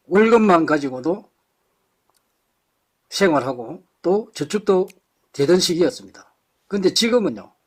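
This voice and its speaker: A man lectures a live audience with fiery conviction, his voice pitched high and swinging widely as he hammers home rhetorical questions. He speaks bluntly and throws in harsh insults. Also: husky.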